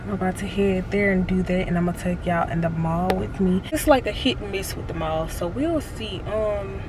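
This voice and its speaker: A woman's voice: fairly low pitch, moderate pace, noisy background. Laid-back chatty young woman vlogger. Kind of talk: casual vlog talk to camera.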